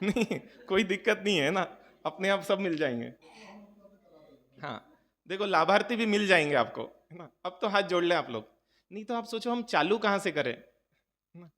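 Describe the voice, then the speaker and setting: Here the monk's voice is high, animated and a bit bright, at a moderate pace with frequent pauses. He gives a casual sermon to a gathering, joking and posing rhetorical questions, and a long hall reverb fills the recording.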